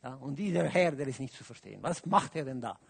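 A man preaching a sermon, asking his listeners questions and swinging from quiet musing to loud, emphatic calls. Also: medium pitch, expressive, fast, creaky, slightly rough. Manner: asks the audience questions, adds "oder?" often.

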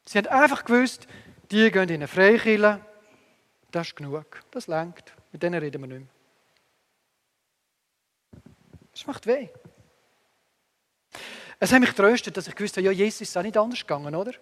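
A man preaching a sermon earnestly, moving between emphatic lines and hushed asides, with long hall reverb. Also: high voice, animated, moderate pace, long pauses.

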